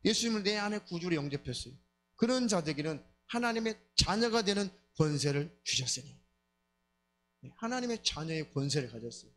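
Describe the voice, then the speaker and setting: A male pastor preaching a sermon in a high, emphatic voice, repeating phrases for force. He acts out the scenes he describes, shifting between his own voice and the characters'. A faint hiss sits under the recording. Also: very animated, fairly quick. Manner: emphatic and repetitive, acts out dialogue.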